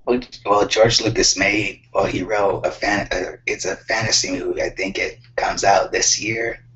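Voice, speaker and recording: A man voicing a channeled male spirit who talks slowly and hesitantly. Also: fairly low pitch, fairly even intonation, sharp tone, a little hiss or hum, voice pushed down. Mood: puzzled. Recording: dull lo-fi recording.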